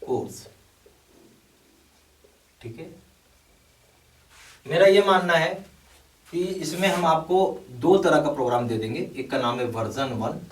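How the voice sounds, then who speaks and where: A man's voice: on the high side, a little hiss or hum. A man teaching as a bank exam coach, laying out a course and urging students on, often checking in with "okay". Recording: echoey room, mic at a distance.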